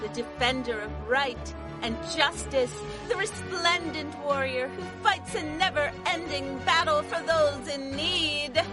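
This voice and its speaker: A woman's voice: high-pitched, a little slow, few pauses, music in the background. A woman voicing a melodramatic on-scene news reporter, narrating the action as it happens. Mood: dramatic. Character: breathless female news reporter.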